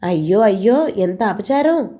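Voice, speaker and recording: A woman's voice: mid-range voice, animated, a little slow, dark tone. A woman doing a stern pious mother-in-law. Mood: scolding. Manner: scolding, devout.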